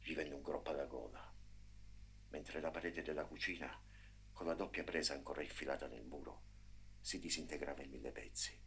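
A man reading a story aloud in an expressive, dramatic way, sometimes dropping to a hush. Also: very deep voice, fairly quick, slight background noise. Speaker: narrator. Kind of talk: storybook narration.

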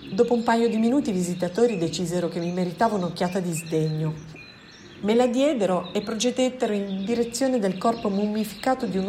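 Woman audiobook reader, calm and measured, mid pitch, faint birdsong in the background. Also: a little hiss or hum. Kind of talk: audiobook reading of a novel.

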